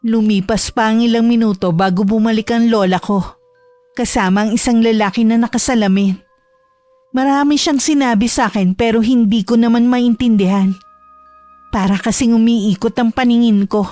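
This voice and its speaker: A woman narrating a horror story in the first person, in a steady, hushed storytelling manner. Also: fairly high pitch, normal speed, no room sound, faint music behind.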